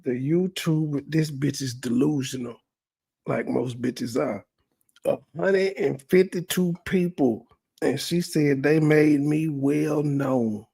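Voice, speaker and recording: Man, reaction host, gravelly husky voice, blunt profane mockery. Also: a little high, takes it slowly, mellow. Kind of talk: mocking reaction commentary.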